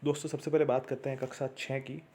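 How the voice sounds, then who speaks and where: Flat-voiced male exam tutor. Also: medium pitch, fast, slight background noise. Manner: steady list-like delivery, addresses viewers as friends. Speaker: exam prep teacher. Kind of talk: exam syllabus walkthrough.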